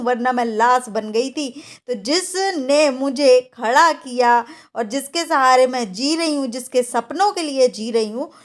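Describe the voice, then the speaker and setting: A middle-aged woman vlogger talking straight to camera, indignant and scolding as she defends her daughter. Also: high-pitched. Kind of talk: angry vlog monologue.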